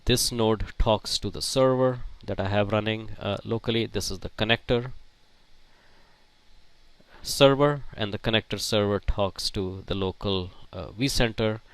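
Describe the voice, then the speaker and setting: Male tech instructor, slightly low and resonant, halting delivery full of fillers. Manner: halting, many fillers and restarts. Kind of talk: technical lecture.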